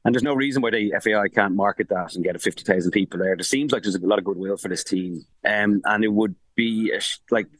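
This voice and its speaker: A man, a sports journalist calling in from abroad who gives rapid, animated football analysis full of restarts and fillers. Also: lowish voice, rough recording. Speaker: sports journalist reporting from the tournament. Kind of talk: casual podcast analysis. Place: remote link from abroad.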